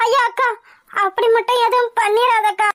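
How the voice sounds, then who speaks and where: A woman's voice: extremely high pitch, fairly even intonation, moderate pace, a bit bright. A woman voicing a secretive, guilty young woman in a cartoon, pleading and tearful. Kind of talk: cartoon voice acting.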